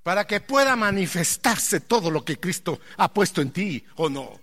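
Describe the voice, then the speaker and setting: High, lively-voiced preacher man. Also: moderate pace. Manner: impassioned, rising to near-shouts; addresses the congregation directly with questions. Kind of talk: sermon.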